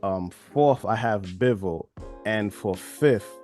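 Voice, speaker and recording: A man co-hosting a casual boxing podcast, talking in a laid-back, steady way. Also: fairly low pitch, takes it slowly, soft background music. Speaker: podcast co-host.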